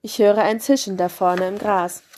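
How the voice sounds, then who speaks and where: A woman voicing a big, hungry, gullible monster in a storybook reading, with a slow, heavy delivery. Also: mid-range voice, fairly even intonation, a little mellow, a little hiss or hum, lightly acted. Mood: gruff.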